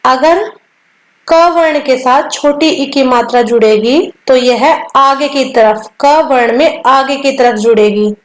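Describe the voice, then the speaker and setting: Woman teacher, high voice, slow deliberate lesson pace, repeats each sound, echoey room. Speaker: Hindi teacher.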